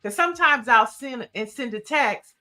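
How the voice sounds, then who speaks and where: This is a woman co-hosting a casual talk stream. Her voice is bright and clear, and she talks in an animated, chatty way with frequent laughter. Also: on the high side, moderate pace. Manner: animated, talkative, laughs often. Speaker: co-host. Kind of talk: casual chat.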